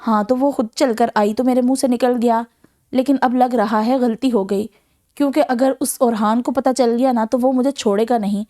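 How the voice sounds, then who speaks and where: A man's voice: very high-pitched, fairly even intonation, mellow. A woman voicing a timid young man from a novel, nervous and worried. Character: timid fearful young man, college student.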